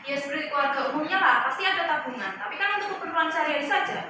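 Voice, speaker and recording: A woman's voice: sits high, very fast, close to an everyday voice. A woman playing a defensive wife testifying in a mock trial, answering in casual colloquial speech. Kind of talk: amateur courtroom role-play. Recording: echoey room, distant mic, noisy.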